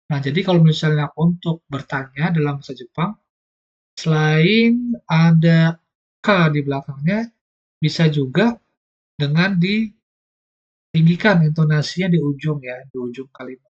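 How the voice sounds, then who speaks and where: A man's voice: a little high, darkish tone, dull audio. A man teaching an online language lesson, explaining patiently step by step.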